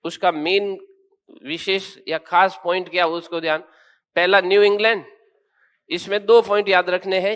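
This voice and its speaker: Man, teacher, fairly high voice, classroom lesson, firm questioning and explaining. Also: fairly bright tone, clean tone. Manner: quizzes students, then explains firmly. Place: classroom with students.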